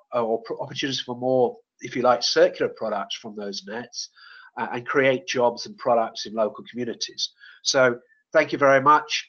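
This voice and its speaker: A man giving a webinar talk, speaking in a mid-pitched voice that keeps stopping on "uh" and "you know" and starting phrases over. The sound is dull and lo-fi, typical of webinar audio. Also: a bit bright. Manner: hesitant, many fillers and restarts. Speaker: webinar presenter. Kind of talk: webinar presentation and Q&A.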